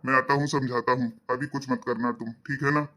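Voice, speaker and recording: A woman voicing a calm older father who patiently talks his spoiled daughter down, in a comedy skit. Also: a bass voice, fairly quick, pitched below the performer's own voice. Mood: soothing. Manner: patient, placating.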